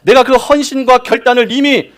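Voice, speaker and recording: A man's voice: very high voice, fairly even intonation, normal speed, fairly bright tone, voice pushed up. A man voicing God as a stern, pleading father figure who scolds and repeats a name over and over. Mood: pleading, scolding.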